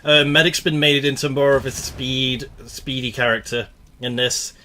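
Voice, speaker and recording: A man's voice: medium pitch, fairly even intonation, normal speed, sharp tone. Chatty young man streaming a game. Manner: rambling and chatty, laughs at himself. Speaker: gaming streamer. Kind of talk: casual gameplay commentary.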